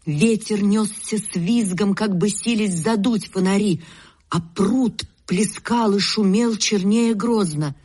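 A woman narrating a classic story in a steady, measured reading. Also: mid-range voice, husky. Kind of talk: literary audiobook narration.

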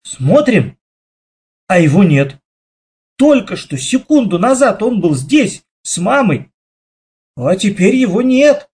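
A male storyteller reading a children's book aloud, his voice high and swinging animatedly through the tale. It carries a husky, breathy edge, with dramatic expressive delivery. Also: slow pace, long pauses. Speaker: narrator.

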